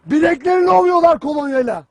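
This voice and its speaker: A barking stern army commander. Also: male voice, very high-pitched, fast, muffled recording. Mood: grim lecture. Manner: barking, harsh, taunting. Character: stern hard-bitten army commander drilling his soldiers. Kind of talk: film trailer drama.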